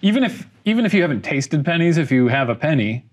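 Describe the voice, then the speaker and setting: A man co-hosting a podcast in casual chat, rambling playfully and very animated. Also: on the high side, quick pace. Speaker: podcast co-host.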